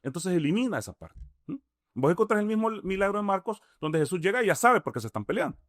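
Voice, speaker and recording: A man with a Salvadoran accent explains his points step by step as an interview guest, often checking in with a quick "mm?" and posing rhetorical questions. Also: high-pitched, very animated, fairly bright tone, no echo, clean studio sound. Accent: Salvadoran Spanish. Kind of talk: conversational explanation.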